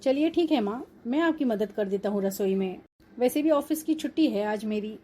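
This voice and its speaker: A woman's voice: fairly high pitch, animated, normal speed, mellow, slight background noise, natural voice. A woman voicing a grown son and husband in a cartoon-style family drama, reasoning and reproachful with his wife. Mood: calm.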